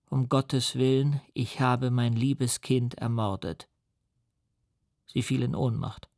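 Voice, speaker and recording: A man narrating a classic novel in a measured, earnest and solemn reading. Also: medium pitch, creaky, darkish tone, no room sound, studio quality. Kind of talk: dramatic literary reading.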